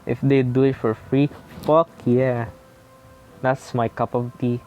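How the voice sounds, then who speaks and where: A man's voice: mid-range voice, little pitch movement, slow, dull audio. A man playing a visual novel, reading its text aloud and breaking off into casual, profane, self-mocking commentary.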